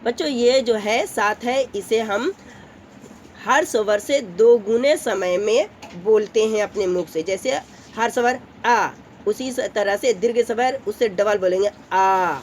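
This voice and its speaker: Slow, patient woman teacher. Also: fairly high pitch, darkish tone, slight background noise. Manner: slow, patient explaining, often checks in with the class; draws out vowel sounds to demonstrate. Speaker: school teacher. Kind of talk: classroom grammar lesson.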